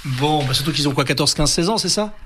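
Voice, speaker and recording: A man's voice: fairly high pitch, animated, fast talker, a bit bright, slight background noise. A man hosting a casual radio interview, chatty and teasing with his guest. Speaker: radio host and reporter.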